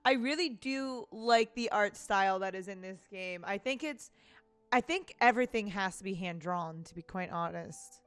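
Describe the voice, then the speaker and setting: A woman's voice: mid-range voice, moderate pace, a bit bright. A woman hosting a casual let's play, chatting in a self-deprecating, apologetic way into a close microphone. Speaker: gaming video host. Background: faint game music.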